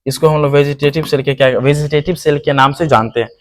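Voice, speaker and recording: Slightly high in pitch, this man talks at a quick pace with a steady tone. In his online biology lecture he poses questions to students, answers them himself, and repeats the key terms. He addresses the viewer as "hero."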